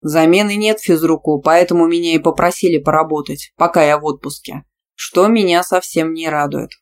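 Woman reading a cocky man, low, calm, domineering, slightly growled. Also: normal speed, natural voice. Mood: smug. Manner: low, self-assured, growling at times. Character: smug, pushy male teacher, calm and domineering.

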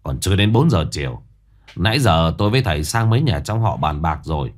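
Guy doing a gruff stubborn village man, lowish voice, snaps and scolds. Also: very animated, fairly quick. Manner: curt, scolding.

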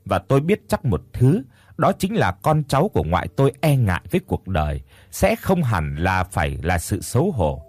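A man's voice: lowish voice, wildly swooping pitch, moderate pace, slightly rough, no room sound. A man narrating a first-person audio story in a bitter, scornful tone.

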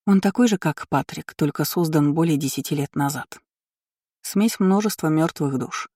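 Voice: medium pitch, moderate pace, no echo, clean studio sound, lightly acted. A narrator voicing a guarded young woman who answers curtly and sharply. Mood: flat. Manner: flat, curt, then snapping. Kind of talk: audiobook character voice.

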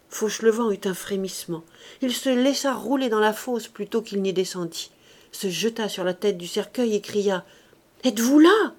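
A woman narrating a classic novel for an audiobook. Her delivery is measured and calm, in steady storytelling. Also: mid-range voice. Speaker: audiobook reader.

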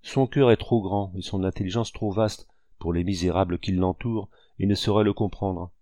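A man's voice: sits low, steady tone, moderate pace, dark tone, no room sound, clean studio sound. A man reading a novel aloud and voicing a blunt, good-natured hunter who speaks jovially. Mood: bluff. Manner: bluff, jovial. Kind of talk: audiobook reading.

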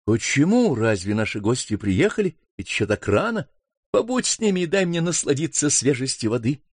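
A woman's voice: very deep voice, very animated, brisk, darkish tone, breathy edge, no echo, pitched above the performer's own voice, full character voice. A man doing a young girl crying out in a dry audiobook voice. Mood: carefree. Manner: raised, pleading cries. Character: young girl, the narrator's sister, carefree then terrified.

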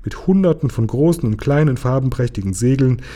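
A man reading a children's book aloud to children, relaxed, now and then breaking off for a casual aside. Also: medium pitch, a little fast.

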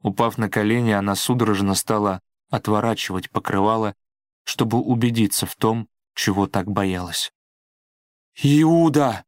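Low-voiced male audiobook narrator. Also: steady tone, no room sound, studio quality. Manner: measured, dramatic reading.

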